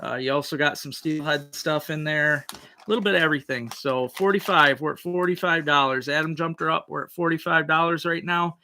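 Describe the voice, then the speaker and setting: A man's voice: fairly high pitch, brisk, pushed and bright, a little hiss or hum. A man hosting a casual livestream auction, repeating the current bid in a folksy auctioneer's manner.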